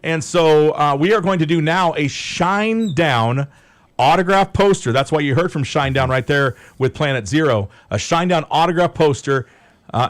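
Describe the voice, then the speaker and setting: Guy hosting morning radio, upbeat dj announcer voice, a bit high, studio mic. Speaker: radio host. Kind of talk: on-air morning show hosting. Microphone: studio microphone.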